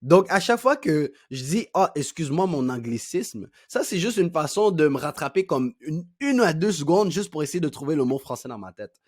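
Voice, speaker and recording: A man's voice: a little high, dry recording. Slangy Québécois man coaching, dry close sound. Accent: Québécois French. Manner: animated, slangy, demonstrates voices and pauses. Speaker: self-improvement coach. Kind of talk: talking-head tutorial.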